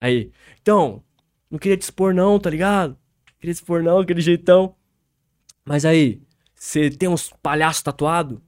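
A young man with a relaxed São Paulo accent spins a story in heavy street slang, laughing as he goes. His voice sits a touch high for a man and sounds dry, close to the mic. He keeps things easygoing and acts out the people in the story. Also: normal speed, pauses often, no room sound. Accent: São Paulo Brazilian Portuguese. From interior of São Paulo state, Brazil. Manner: laid-back, laughs through the story, acts out other people's lines. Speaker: rapper guest.

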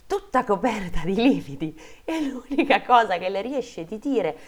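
A woman's voice: medium pitch, expressive, moderate pace. A woman hosting a podcast, reading fairy tales aloud and breaking off into playful, jokey asides. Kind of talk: storytelling read-aloud with casual asides.

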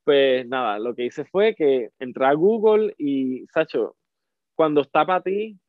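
A man with a Puerto Rican accent, a podcast guest telling a personal story in a casual, animated way and repeating words for emphasis. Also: medium pitch, unhurried, no room sound. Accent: Puerto Rican Spanish. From Puerto Rico. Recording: dry, phone-like narrow sound.

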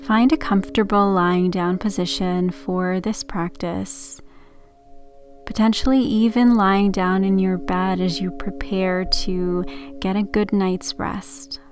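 A woman gently narrating a guided sleep meditation in the soothing, unhurried manner of a sleep story narrator. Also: mid-range voice, fairly even intonation, faint music behind. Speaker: meditation podcast host and yoga teacher.

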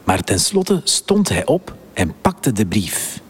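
A man narrating a children's story in a slow, expressive storybook reading with a husky voice. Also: lowish voice.

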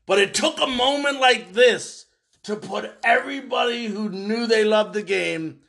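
Guy with a really high bright voice, fired up, talking fast at his viewers about baseball. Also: creaky. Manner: fast, excited, emphatic, talks straight to viewers. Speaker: baseball commentator. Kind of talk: excited opinion monologue to viewers.

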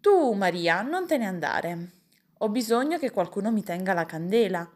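A woman's voice: medium pitch, very animated, moderate pace. A woman voicing a fussy, bossy middle-aged uncle who barks orders at his household in a storybook reading. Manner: loud, raised, exasperated barking of orders. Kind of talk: audiobook character voice.

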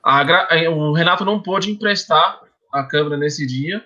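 Earnest man with a bright, muffled voice. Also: fairly high pitch, moderate pace. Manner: earnest, explaining in detail. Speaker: documentary filmmaker. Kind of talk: casual explanatory talk.

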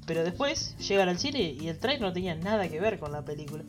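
A man's voice: high voice, very animated, fast talker, music in the background. A man with a Uruguayan Spanish accent, hosting his own podcast in a casual, rambling solo monologue, often tagging his sentences with little questions. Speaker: podcast host.

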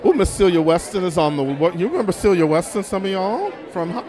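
Gushing high-voiced American man, red carpet host. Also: expressive, fast, a little mellow, faint music behind. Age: 50s. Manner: effusive, familiar, sassy with terms of endearment. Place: outdoor red carpet event. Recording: busy outdoor crowd and street noise. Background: crowd chatter, urban noise.

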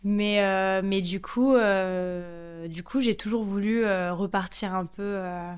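A woman in her thirties, a podcast guest telling her own story in a chatty, lively way with frequent hesitations. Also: medium pitch, takes it slowly, clear, resonant tone. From France. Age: 30s. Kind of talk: casual interview storytelling.

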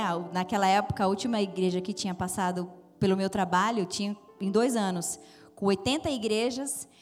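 A middle-aged woman from Brazil, speaking as a guest at a women's church event, telling a personal story and acting out the dialogue. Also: medium pitch. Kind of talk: storytelling sermon talk.

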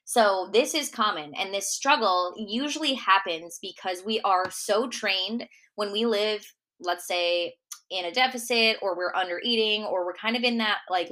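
A young woman, a nutrition coach and podcast host from Minnesota by her accent, fields questions alone on her show, chatty and heavy on "like." She speaks at a measured pace in a mid-range voice that sounds pushed and bright.

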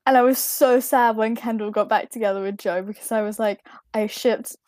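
A woman's voice: fairly high pitch, steady tone, a little fast, darkish tone, no echo, clean studio sound. A young British woman co-hosting a casual podcast chat, giggling and breaking off mid-word. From Britain. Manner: giggly, trails off and restarts words. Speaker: podcast co-host.

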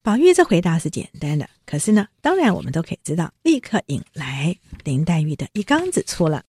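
Female lecturer, storytelling style with chatty asides; animated, slightly husky and low. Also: a little fast, dry recording, clean studio sound. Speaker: lecturer on a classic novel.

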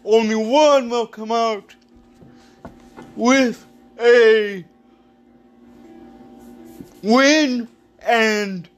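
A man podcast host doing dramatic wrestling announcer hype in a theatrical, drawn-out, raised voice. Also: very high voice, dull audio, soft background music.

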